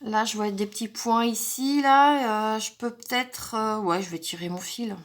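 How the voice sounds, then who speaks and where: A crafting vlogger with a higher-pitched voice talks at a measured pace while unboxing. She chats casually, thinking aloud with frequent hesitations and fillers.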